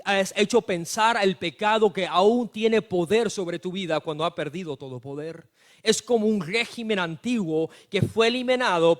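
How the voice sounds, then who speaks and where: A man preaching a sermon as pastor, telling stories and swinging from hushed asides to loud emphatic lines. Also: high voice.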